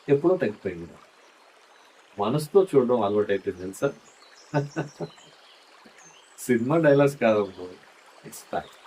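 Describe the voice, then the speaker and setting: Middle-aged man, warm mellow timbre, tender scripted monologue to a spouse. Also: mid-range voice, slightly rough. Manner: tender, intimate, coaxing tone addressed to a spouse. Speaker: storyteller speaking as a husband.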